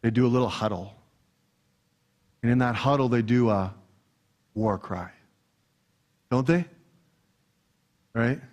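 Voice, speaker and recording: A man with a Canadian accent preaching a lively sermon in a church hall, playful and energetic as he talks straight to the congregation. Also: mid-range voice, slow pace, pauses often. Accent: Canadian English. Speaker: pastor.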